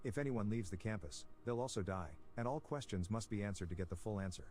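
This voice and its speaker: A man reading a scripted plot recap in a brisk, even storytelling manner. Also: on the low side, soft background music. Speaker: recap narrator.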